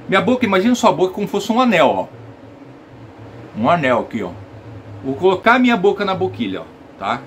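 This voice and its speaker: A Brazilian man with a Brazilian Portuguese accent gives a casual saxophone lesson, explaining step by step and checking that viewers are following. His voice is on the high side and fairly bright, with slight background noise.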